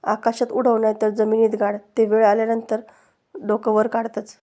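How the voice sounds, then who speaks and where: Accused young wife, read by a woman narrator, pleading, even and mellow. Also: a little high, normal speed, lightly acted. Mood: defiant. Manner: pleading, defiant.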